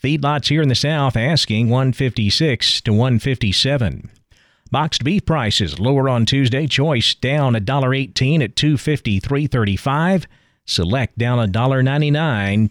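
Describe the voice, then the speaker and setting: Man, farm radio anchor, scripted market report, measured delivery, medium pitch, dry studio sound. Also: no room sound.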